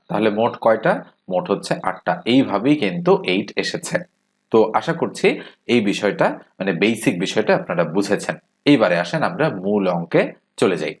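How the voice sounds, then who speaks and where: A man with a Bangladeshi Bengali accent teaching an exam-prep math lesson, explaining step by step, asking rhetorical questions and filling pauses with "ah". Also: lowish voice.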